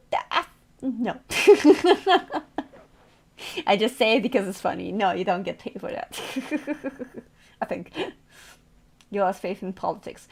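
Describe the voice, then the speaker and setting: A woman streamer chatting casually with her viewers, playful and teasing, laughing often. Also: on the high side.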